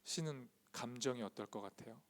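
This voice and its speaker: A man's voice: mid-range voice, fairly quick. A man preaching a sermon to a youth congregation, emphatic and full of rhetorical questions put to the listeners. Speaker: youth pastor.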